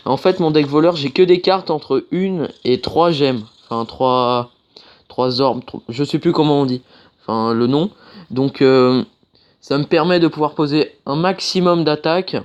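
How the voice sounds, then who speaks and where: A young man talking through a card game at his computer, his voice a little higher than most and smooth. He hesitates often, piling up fillers and restarting sentences as he plays. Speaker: gameplay video host. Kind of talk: casual gameplay commentary.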